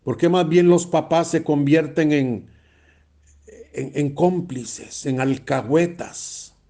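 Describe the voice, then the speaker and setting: A man's voice: on the high side, slow pace, warm tone. A man, a priest preaching a blunt, emphatic sermon and repeating phrases for stress.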